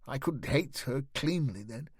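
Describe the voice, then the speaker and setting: A man voicing a shy, awkward young man who talks in hesitant, halting phrases, for an audiobook. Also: mid-range voice, expressive, slightly rough, no echo, clean studio sound. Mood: rueful.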